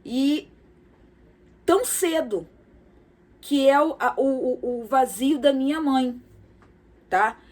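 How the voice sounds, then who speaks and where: Soft-spoken woman pouring her heart out. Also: sits high, animated. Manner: soft, halting, frequent fillers and repeated words; addresses viewers directly with frequent "tá?" tags. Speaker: vlogger. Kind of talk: personal confessional vlog.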